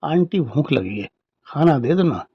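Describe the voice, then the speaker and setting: A man voicing a small, hungry, abandoned boy who speaks softly and pleadingly. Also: a little high, big pitch swings, measured pace, slightly rough, lo-fi sound, full character voice. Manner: soft, pleading.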